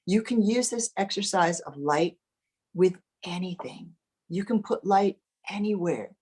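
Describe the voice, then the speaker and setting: A woman teaching a guided meditation, speaking gently and without hurry, leaving pauses between phrases. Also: on the low side, slightly rough. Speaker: spiritual workshop teacher leading a guided exercise.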